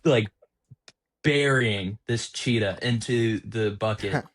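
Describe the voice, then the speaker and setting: A man's voice: lowish voice, slow pace. Young man telling a rambling story. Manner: rambling, heavy on filler "like". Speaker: podcast host. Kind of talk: casual storytelling.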